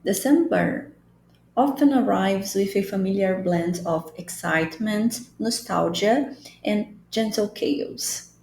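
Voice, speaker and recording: Slow, gravelly-voiced woman teaching. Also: mid-range voice, a little mellow. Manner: patient, explanatory, repeats key phrases slowly. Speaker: English teacher. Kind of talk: online language lesson. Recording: roomy echo, faint background noise.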